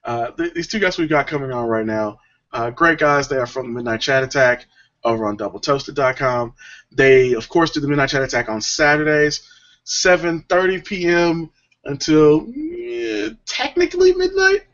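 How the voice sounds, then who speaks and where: A man's voice: medium pitch, normal speed, fairly bright tone. A man hosting a podcast, telling stories in a laid-back, rambling way with lots of fillers. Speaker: podcast host. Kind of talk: casual podcast chat. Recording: dull lo-fi audio.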